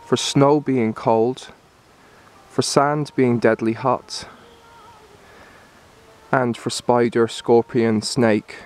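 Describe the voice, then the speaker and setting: A man giving a relaxed, explanatory walkthrough of his camp on a wooded hillside, recorded on a handheld camera. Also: medium pitch, very slow, long pauses. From Ireland. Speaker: bushcraft instructor. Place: hillside woodland outdoors.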